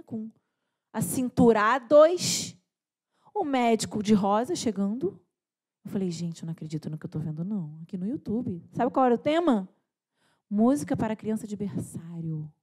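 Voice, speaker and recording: A young woman delivers a sermon at a church service with an animated, storytelling manner, her pitch jumping as she acts out what was said. Her voice sits fairly high but sounds mellow and warm, and she often restarts her phrases. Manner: animated storytelling with frequent restarts and quoted dialogue. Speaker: preacher.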